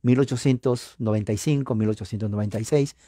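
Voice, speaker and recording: A man giving a classroom lecture, animated, asking the audience rhetorical questions and counting items aloud. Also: lowish voice, fast talker, no echo, studio quality. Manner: counts items aloud, sometimes dropping to a whisper. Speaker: lecturer on church history. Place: lives near Los Angeles.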